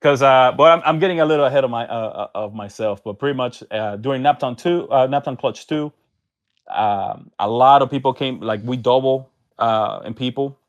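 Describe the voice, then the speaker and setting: The audio is lo-fi, carrying a man's mid-range voice at a normal speed. He's a podcast guest and tournament organizer from Venezuela, later Miami, recounting stories casually in slang and acting out exchanges.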